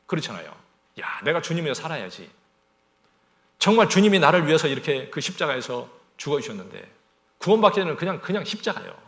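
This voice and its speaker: A man's voice: on the high side, sing-song, fast talker, a bit bright. A male pastor preaching a Sunday sermon, asking the congregation rhetorical questions as he goes.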